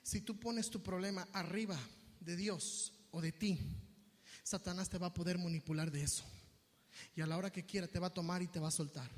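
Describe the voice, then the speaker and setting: A Mexican pastor with a strikingly high voice preaches with fervor, dropping to a hush and then rising to a shout. His words ring out with a long reverb from the church hall. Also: steady tone, fairly quick. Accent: Mexican Spanish. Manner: emphatic preaching that swings from hushed to shouted, acting out voices of others. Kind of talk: sermon. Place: church sanctuary.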